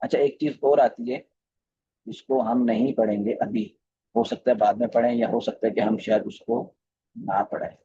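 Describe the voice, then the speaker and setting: A man's voice: medium pitch, steady tone, moderate pace, mellow, muffled recording, slight background noise. A man teaching a recorded live class on chart reading, speaking with a flavour and often repeating phrases and putting questions to his students. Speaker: trading course teacher.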